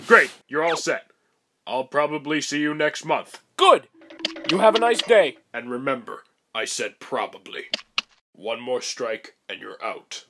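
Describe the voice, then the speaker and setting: A man playing a stern cartoon boss who keeps a hot temper under measured, menacing politeness. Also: fairly high pitch, steady tone, background noise, close to an everyday voice. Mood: curt, warning.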